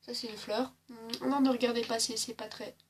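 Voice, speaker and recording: A woman talks through her game in a loose, joking way, stopping often to hesitate. Her voice sits a little high and a bit rough from a sore throat. A faint hum runs under her desktop mic. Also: flat delivery, moderate pace. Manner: chatty and joking, with many hesitations. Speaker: gaming channel host. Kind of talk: casual gameplay commentary.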